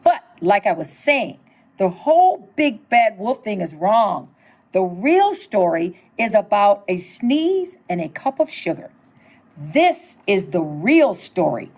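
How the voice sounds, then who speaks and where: Woman, storybook read-aloud, slow deliberate pace, animated delivery. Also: mid-range voice. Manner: expressive storytelling, narrating as the wolf. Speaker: school superintendent reading aloud.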